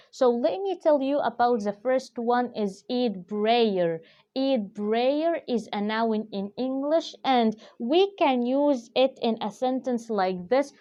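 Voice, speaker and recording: A woman teaching English vocabulary, explaining slowly and carefully with frequent fillers. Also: on the high side, mellow. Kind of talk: vocabulary lesson. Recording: dull lo-fi recording.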